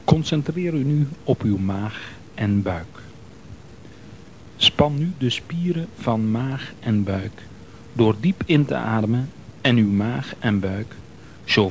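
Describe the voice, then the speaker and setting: Slow, calm man guiding relaxation. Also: fairly low pitch, slight background noise. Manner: slow, calm, soothing instructions. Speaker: relaxation guide. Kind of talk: guided progressive muscle relaxation.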